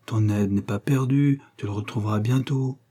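A man's voice: on the low side, moderate pace, warm tone, slightly rough. A man playing a doting, blustering rich father in an audiobook, coaxing with forced jovial cheer.

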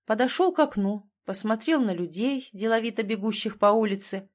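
Woman reading a novel aloud, steady mid-pitch voice, audiobook narration. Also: a little fast. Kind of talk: scripted narration.

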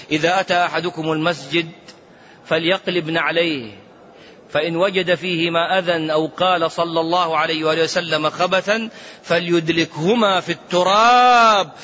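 A man giving religious rulings in a lively lecture, swinging between raised and hushed tones and chanting recitations. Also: sits high. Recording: dull lo-fi recording with faint noise.

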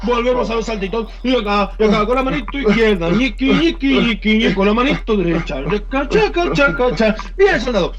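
An actor playing a bossy, pompous army sergeant in a comic radio sketch, barking drill sergeant commands in a gravelly voice. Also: male voice, very high-pitched, expressive, a little fast, few pauses, lo-fi sound. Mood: gleeful, commanding.

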